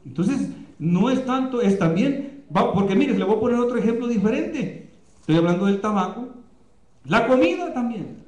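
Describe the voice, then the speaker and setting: A male pastor preaching a sermon with passion, often pausing on fillers. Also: very high voice, lively intonation, darkish tone, echoey room. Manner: impassioned preaching, many filler pauses. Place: church, live streamed.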